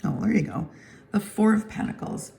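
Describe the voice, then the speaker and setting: A woman with a hoarse, grating, croaky voice from laryngitis, giving a tarot reading in a casual, explanatory, conversational way. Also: medium pitch, moderate pace, warm tone. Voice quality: grating, croaky voice that breaks into breathiness. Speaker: tarot reader hosting a weekly reading. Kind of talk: casual scripted-feeling tarot reading to viewers.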